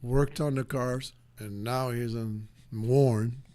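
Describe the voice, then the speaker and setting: A man's voice: mid-range voice, fairly even intonation, takes it slowly, dark tone. Older guy hosting a talk show, ribs his guest, blunt, drops words. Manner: teasing, blunt, sprinkles in Chaldean words. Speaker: show host. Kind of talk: casual interview chat.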